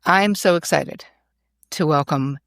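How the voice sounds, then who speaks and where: A woman hosting an interview podcast, talking in a gushing, animated way, full of praise and fillers. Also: deep voice, slow pace, creaky, dry recording, studio quality. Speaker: podcast host. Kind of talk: effusive interview chat.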